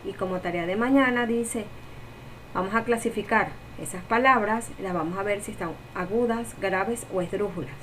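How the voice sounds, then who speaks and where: A woman's voice: mid-range voice, normal speed, a bit bright, slight background noise, poor audio. A woman teacher talking casually and directly to her pupils, setting their homework. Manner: friendly, direct address to children.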